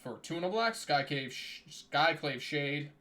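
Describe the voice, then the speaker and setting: A man's voice: fairly high pitch, expressive, measured pace, bright, forceful tone. A man streaming live, chatting casually and reading card text aloud, while his voice is starting to give out. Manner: reads card text aloud in a plain running commentary. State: losing his voice.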